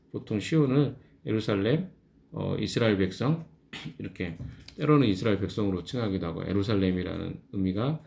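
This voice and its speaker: A man's voice: on the low side, gravelly, a little mellow. A middle-aged male pastor leading a morning devotional Bible study, talking conversationally and answering his own questions.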